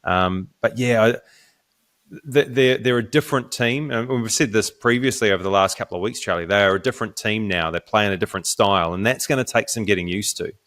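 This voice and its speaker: A man, co-hosting a casual sports podcast, talking in halting runs with frequent restarts. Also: on the low side, a bit bright. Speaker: podcast co-host.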